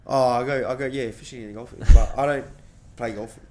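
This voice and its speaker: A man's voice: medium pitch, steady tone, brisk, dark tone. A man with a broad New Zealand accent chatting casually as an interview guest, in laid-back blokey slang with repeated phrases. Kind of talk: casual chat.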